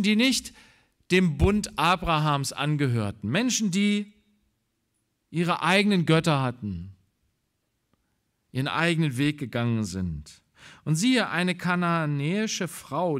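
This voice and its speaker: A man with a German accent preaching a sermon as pastor, slow and deliberate, growing emphatic when he reads scripture aloud. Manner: emphatic, rises in pitch and volume when reading scripture; slow, deliberate delivery with pauses.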